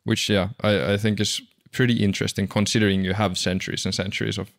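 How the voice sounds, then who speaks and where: A man speaking as a podcast guest, hesitant with many pauses and uhs. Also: lowish voice, flat delivery, gravelly, no room sound, clean studio sound. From Finland. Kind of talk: casual conversation.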